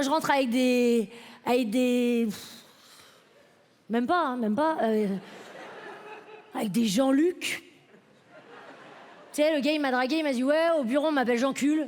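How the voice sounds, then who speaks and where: A woman in her late twenties performs stand-up on a festival stage, her voice sitting high and bright in pitch. She talks straight to the crowd in a chatty, self-mocking way. A faint murmur of the live audience hangs behind her. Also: a little hiss or hum. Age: late 20s. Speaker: stand-up comedian. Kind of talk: stand-up comedy set.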